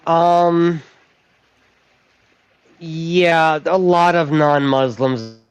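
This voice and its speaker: A man's voice: on the high side, fairly even intonation, extremely slow, smooth, no room sound. A man calling in to a talk show, speaking hesitantly while his call audio drops out into robotic glitches. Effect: call audio dropping out, robotic glitches. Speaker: caller. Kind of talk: call-in chat. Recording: lo-fi online call line.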